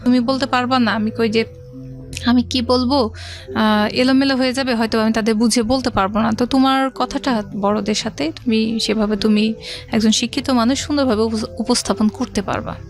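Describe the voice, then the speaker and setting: A middle-aged woman with a Bangladeshi accent, appearing as an interview guest, tells her life story conversationally, quoting past dialogue and slipping in English words. Her voice is a little high, steady in tone and brisk, with background music behind her.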